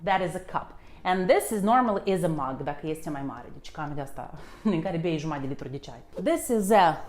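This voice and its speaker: Woman, English teacher, playful and lively, kitchen lesson, faint noise behind. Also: on the low side. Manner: lively, playful, switches between two languages. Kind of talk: casual bilingual lesson. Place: home kitchen.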